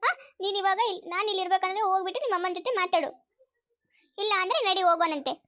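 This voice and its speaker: A woman's voice: very high voice, very fast, fairly bright tone. A woman voicing a fed-up young wife who complains and pleads, repeating herself.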